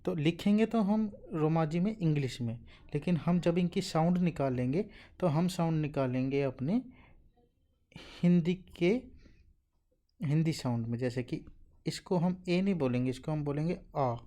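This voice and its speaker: A man teaching a beginner language lesson, reciting syllables slowly and answering his own questions, with a constant "okay?". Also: on the high side, mellow. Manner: asks questions and answers them himself, says "okay" constantly; slow, drilled recitation of syllables. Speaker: Japanese teacher. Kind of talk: classroom-style lesson explanation.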